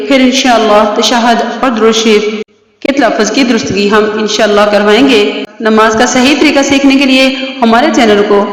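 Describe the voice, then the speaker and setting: High-voiced woman teaching recitation, echoey. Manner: explains steadily, then recites phrases slowly with long drawn-out vowels. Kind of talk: recitation lesson. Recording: echoey reverberant room.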